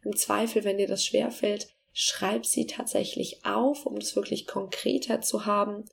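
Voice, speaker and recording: Gravelly-voiced woman giving coaching tips. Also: medium pitch, steady tone, unhurried, a little hiss or hum. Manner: explains in steps, addresses the listener directly; filler-heavy, frequent restarts. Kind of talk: self-help coaching monologue.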